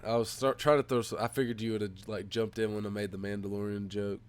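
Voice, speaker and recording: A man's voice: fairly low pitch, little pitch movement, quick pace, smooth. A man hosting a casual podcast, sounding sick, nasal and stuffed up, speaking into a headset. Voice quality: nasal, congested. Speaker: podcast host.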